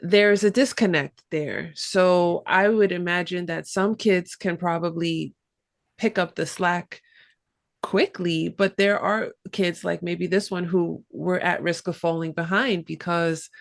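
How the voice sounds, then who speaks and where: A woman with a lowish voice and plenty of vocal fry hosts a casual interview. She talks slowly and reflectively, feeling out each thought in tentative phrases. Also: no room sound, clean studio sound. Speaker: interviewer, podcast host.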